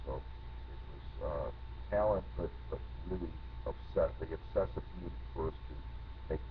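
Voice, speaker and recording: A middle-aged guest composer from New Jersey tells rambling, reflective anecdotes in interview answers, restarting often. His bass voice is unhurried. He's on a video call, and the line sounds tinny and lo-fi with faint noise.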